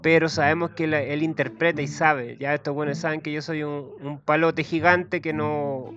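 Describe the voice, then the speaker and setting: Profane Chilean comedian rambling. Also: male voice, on the high side, fairly even intonation, moderate pace, a bit bright, highs cut off. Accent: Chilean Spanish. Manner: rambling, profane, self-mocking. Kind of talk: comic monologue.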